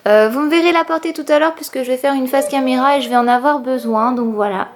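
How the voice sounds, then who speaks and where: A woman's voice: sits high, quick pace. A young woman chatting casually to camera at home, enthusiastic, with many fillers. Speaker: family vlogger. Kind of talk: casual vlog chat to camera. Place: apartment at home, indoors.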